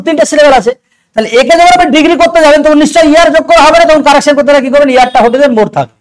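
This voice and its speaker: A male grammar teacher talks through exam questions at a quick clip, in a voice pitched strikingly high. He keeps turning to rhetorical questions as he explains each step. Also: poor audio. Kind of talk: exam doubt-clearing lecture.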